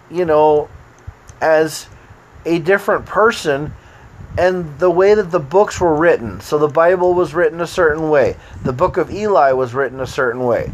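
With a fairly high-pitched voice, this podcast host from the United States rambles casually on his own show, meandering and easygoing, often using fillers and restarting. The recording is rough, with slight background noise.

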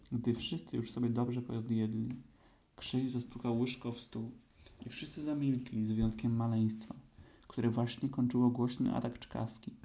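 A man calmly reading a children's storybook aloud as narrator. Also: mid-range voice.

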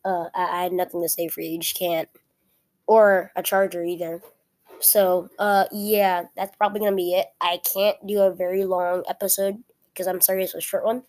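A young woman hosts a casual solo podcast with a weak voice, sounding under the weather. She speaks haltingly, often correcting herself and apologizing. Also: lowish voice, level tone, darkish tone. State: sick. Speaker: student podcast host. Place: at home.

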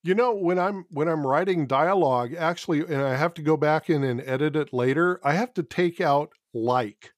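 A man's voice: fairly high pitch, moderate pace, hardly any pauses, no echo. Chatty man, dry close sound. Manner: chuckles often, mocks his own verbal habits. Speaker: guest author. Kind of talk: casual podcast chat.

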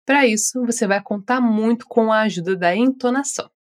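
A woman with a Brazilian accent teaching English, giving slow, carefully articulated model phrases for learners to repeat. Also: on the high side. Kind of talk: scripted language lesson.

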